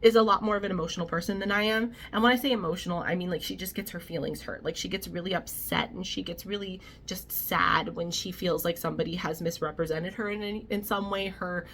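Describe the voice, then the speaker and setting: Bright-voiced young woman telling a story. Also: on the low side, steady tone, fast talker, hardly any pauses, slight background noise. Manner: chatty, many fillers and restarts. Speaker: vlogger. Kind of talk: casual storytime.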